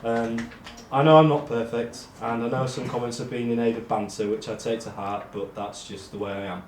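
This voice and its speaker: A man giving a self-deprecating speech to his friends in a monotone voice, with frequent ums. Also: mid-range voice, brisk. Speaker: award speech giver among friends. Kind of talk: casual speech read to friends. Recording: echoey room with faint noise.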